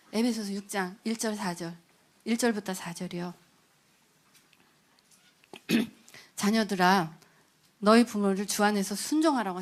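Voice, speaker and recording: A middle-aged woman giving an emotional testimony sermon at a prayer meeting. She tells her story in an animated way, acts out the people she quotes, and drops to a hushed voice at moving moments. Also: medium pitch.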